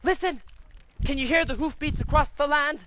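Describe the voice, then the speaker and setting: A man voicing a jolly storyteller who gathers children in a cartoon, animated and sing-song. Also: very high voice, normal speed, background noise. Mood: lively.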